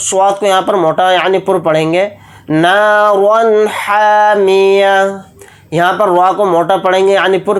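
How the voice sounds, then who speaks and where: Smooth-voiced male recitation teacher. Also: high-pitched. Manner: brisk step-by-step rule explanations. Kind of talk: Urdu tajweed lesson.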